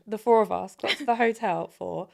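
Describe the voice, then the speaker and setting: A young woman co-hosting a podcast, chatty and quick to laugh as she tells stories. Her voice sits at an everyday middle pitch for a woman. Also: creaky. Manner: chatty storyteller, laughing often. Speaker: podcast co-host. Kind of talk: casual chat.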